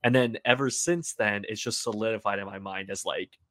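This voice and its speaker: A man's voice: on the low side, steady tone, brisk, fairly bright tone, no room sound, clean studio sound. A man talking as a podcast guest in casual chat, eager and talkative, often restarting his sentences. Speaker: podcast guest, film reviewer.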